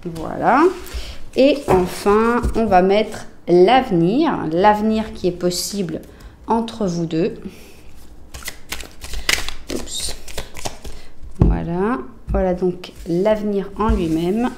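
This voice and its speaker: A woman with a French accent doing a casual tarot reading, talking straight to her viewers with lots of fillers and often dropping to a soft murmur as she lays out cards. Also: mid-range voice, slow pace, long pauses, background noise. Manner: chatty, addresses viewers directly, many fillers. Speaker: tarot reader.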